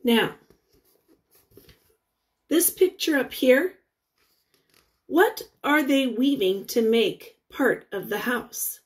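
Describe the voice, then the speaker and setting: A teacher in her forties reads a picture book aloud to young children, stopping to ask them questions in a deliberate, sing-song manner. Her voice is a little high and animated.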